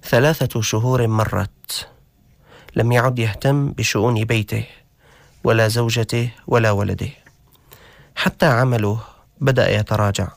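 A man hosting a story show, narrating a cautionary tale slowly and deliberately, with dramatic pauses. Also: lowish voice, fairly even intonation, gravelly, dry recording, clean studio sound. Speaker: storyteller host.

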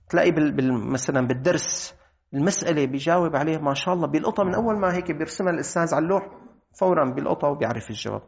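A man with a Syrian accent giving a colloquial religious lesson, lively and acting out everyday dialogues. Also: on the high side, dull audio. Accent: Syrian Arabic. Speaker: Islamic religious teacher.

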